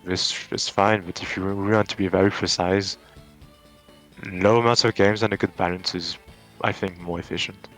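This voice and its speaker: A man's voice: sits low, steady tone, normal speed, a bit bright, soft background music. A man with a French accent, answering interview questions in a casual, thoughtful way with frequent restarts and fillers. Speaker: tournament champion guest.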